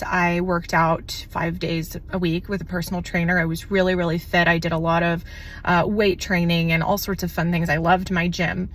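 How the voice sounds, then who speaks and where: Talking casually to the camera, a woman vlogger sounds out of breath and shaky, her speech a little slow and slurred. She's candid and chatty, using plenty of fillers. Her voice is fairly low in pitch with a slight brightness.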